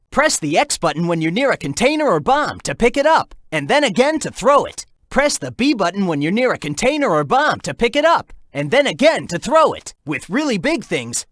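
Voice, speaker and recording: A man voicing a cocky, upbeat young hedgehog hero in a video game, energetic, breezy and teasing as he guides his partner. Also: high-pitched, no echo, studio quality. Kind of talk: video game character voice lines.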